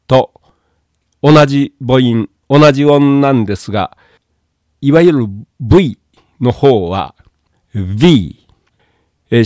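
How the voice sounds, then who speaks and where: A man teaching English pronunciation in a calm lesson, explaining carefully and modelling each sound. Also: mid-range voice, no echo, clean studio sound. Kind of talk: slow spoken lesson.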